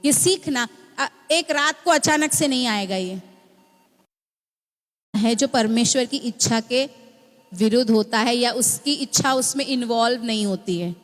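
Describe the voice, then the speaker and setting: High-voiced woman preaching in a church hall. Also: measured pace. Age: young adult to middle-aged, mother of a small child. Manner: teaching, asks the congregation "है ना?" often. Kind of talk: sermon. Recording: long reverb of a church hall.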